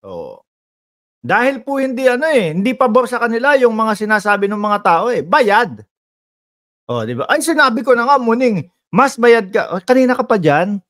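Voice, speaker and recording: A man's voice: very high-pitched, very animated, brisk, fairly bright tone. A man from the Philippines giving casual political commentary as a vlogger, talking straight to his viewers in a teasing, sarcastic way.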